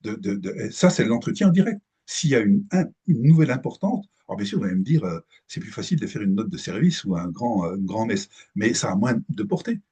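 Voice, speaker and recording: A man's voice: lowish voice, very animated, a little fast, hardly any pauses, mellow, breathy edge. A middle-aged man giving a live management presentation to an audience, hesitant with many restarts. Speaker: speaker at a business breakfast talk.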